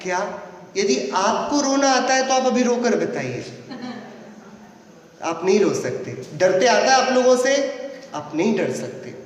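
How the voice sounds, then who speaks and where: Man, preacher, slow sermon, playful questions to the audience, distant mic, long hall reverb, faint room noise. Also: sits high, big pitch swings. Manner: questions the audience playfully, then answers himself. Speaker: Jain preacher. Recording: echoey hall from far off.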